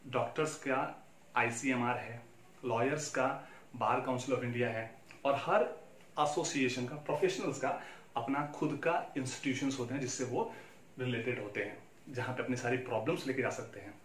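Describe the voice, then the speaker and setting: A man's voice: mid-range voice, normal speed, fairly bright tone, a little hiss or hum. A man with an Indian accent teaching commerce, lecturing with rhetorical questions and switching between Hindi and English. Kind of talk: classroom lecture. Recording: echoey room, faint ambience.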